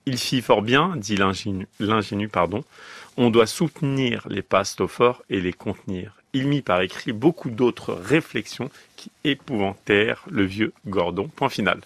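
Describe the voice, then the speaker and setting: A man's voice: on the low side, measured pace, fairly bright tone, dry recording. A man reading a dictation on the radio, going word by word, calling out the punctuation and repeating each phrase. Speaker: dictation reader. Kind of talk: slow, deliberate dictation. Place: radio studio.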